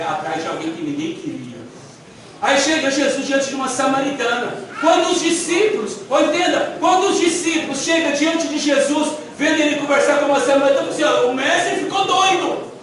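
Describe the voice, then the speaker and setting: High-pitched preacher in an echoey church. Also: male voice, normal speed. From Brazil. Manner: animated storytelling preacher, acting out biblical voices. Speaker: missionary preacher. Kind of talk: sermon. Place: church hall. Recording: echoey church hall, mic far off, audible noise.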